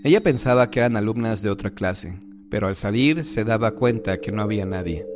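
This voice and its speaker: A man's voice: lowish voice, expressive. Man narrating ghost stories over faint music. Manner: measured storytelling delivery. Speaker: horror story narrator. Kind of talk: scripted narration.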